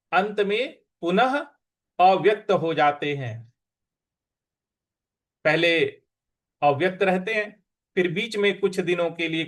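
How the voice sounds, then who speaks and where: A man leads a slow recitation lesson, breaking each word into syllables and marking where the stress falls. His voice sits fairly high for a man. He chants the lines unhurriedly between plain explanations. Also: fairly bright tone. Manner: spells out syllables and stresses patiently, chants verses. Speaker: Sanskrit scripture teacher.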